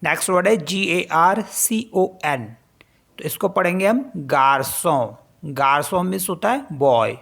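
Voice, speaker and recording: A woman teaches French pronunciation, explaining in Hindi with many English words. Her voice sits fairly low, and she speaks very slowly and deliberately. She spells each word letter by letter and then says it over several times. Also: lively intonation, vocal fry. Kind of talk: spoken language lesson.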